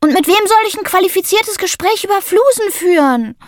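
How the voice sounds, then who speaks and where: A woman voicing an exuberant, cuddle-loving young boy who talks in squeaky, gushing, drawn-out words. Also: expressive, dry recording, studio quality.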